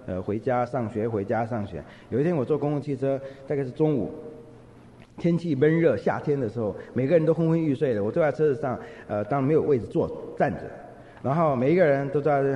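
A man giving a sermon, telling stories with humor and acting out what people said. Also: medium pitch. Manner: humorous, lively storytelling, acts out quotes. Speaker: preacher. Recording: echoey hall, dull lo-fi sound.

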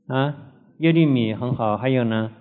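A man's voice: medium pitch, phone-quality sound. Man teaching a Bible class. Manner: frequent drawn-out "ah" fillers, asks the class questions. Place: classroom with a live audience.

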